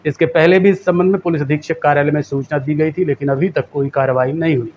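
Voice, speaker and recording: A man reading a local news bulletin in a steady, formal voice. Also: on the high side, fast, lo-fi sound, slight background noise. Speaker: news anchor.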